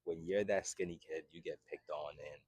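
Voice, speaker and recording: Twenties man from Haiti, fitness vlogger, very deep voice, dry recording, chatty, keeps asking "right?". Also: fairly even intonation, moderate pace, darkish tone, husky, no room sound. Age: 20s. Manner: conversational, repeats "right?" often. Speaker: fitness vlogger and personal trainer. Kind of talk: casual to-camera vlog.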